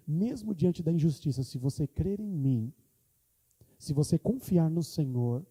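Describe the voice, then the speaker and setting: A man's voice: a little high, mellow, slightly rough. A man preaching a sermon as pastor, with impassioned delivery, quoting prayers aloud. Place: church hall. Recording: church hall reverb.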